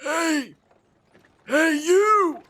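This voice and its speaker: A man doing a high, gruff old cart driver. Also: lively intonation, drawn-out words, sharp tone, heavily acted. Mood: concerned.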